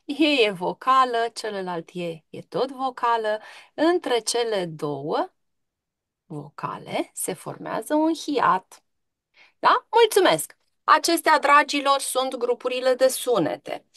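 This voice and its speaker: A woman teacher leads an online grammar lesson, patiently asking pupils questions and stretching out example words. Her voice is bright and slightly high. The sound is dry and close, with no room around it. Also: very animated, no echo.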